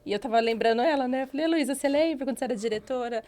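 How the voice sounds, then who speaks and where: Woman host, relaxed chat. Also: sits high, rapid-fire. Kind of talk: casual podcast chat.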